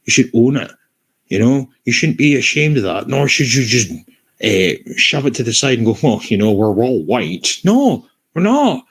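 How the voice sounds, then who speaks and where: A man's voice: medium pitch, very animated, normal speed, slightly rough. A Scottish man hosting a livestream discussion, blunt and swearing, restarting his sentences often.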